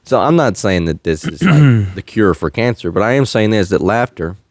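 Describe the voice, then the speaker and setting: A man's voice: lowish voice, expressive, moderate pace, darkish tone, dry recording, studio quality. A man hosting a faith-based podcast, talking in an earnest, slightly preachy way and chuckling often. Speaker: podcast host. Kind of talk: faith-based casual chat.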